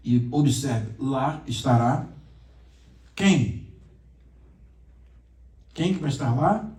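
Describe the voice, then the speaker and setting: A man's voice: medium pitch, a little mellow. A male pastor teaching a Bible class, reading Hebrew aloud, quizzing his students and joking with them. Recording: roomy classroom echo, mic far off.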